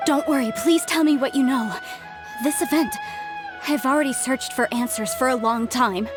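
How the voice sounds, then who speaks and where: An actress playing an earnest, eager young scholar in a game cutscene. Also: female voice, high-pitched, normal speed, close to an everyday voice. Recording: game audio with music.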